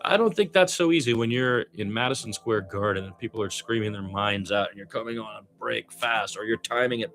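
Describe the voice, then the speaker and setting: With a medium-pitched voice, a man works as an amateur radio announcer covering a basketball game as it unfolds. Plays get an animated treatment, while his offhand asides wander in a wry, thoughtful way.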